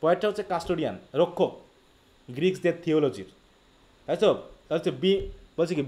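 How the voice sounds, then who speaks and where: A man with a Bangladeshi accent teaching a live online literature class. He explains quickly, reads English passages slowly and keeps asking his students questions. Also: a little high, a little mellow. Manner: quick Bengali explanation, slow read-aloud English quotes, frequent questions to students.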